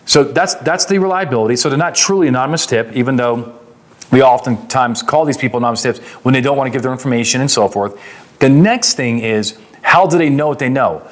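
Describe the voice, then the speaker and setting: Speaking fast at a medium pitch, an American man explains legal concepts in a lecture that's emphatic and conversational. Like a teacher, he frequently raises questions and then answers them.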